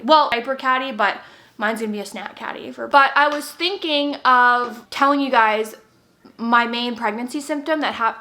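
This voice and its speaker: A woman's voice: fairly high pitch, sharp tone. A pregnant young woman vlogging from her playroom at home, telling a story in a chatty way and acting out what people said. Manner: chatty storytelling, laughs often, acts out quotes. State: heavily pregnant. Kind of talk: casual chat to camera.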